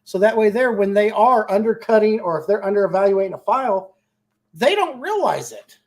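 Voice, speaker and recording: A man's voice: high voice, animated, a little fast, a little mellow. A man speaking as a contractor on a casual panel discussion, blunt and rambling with many restarts.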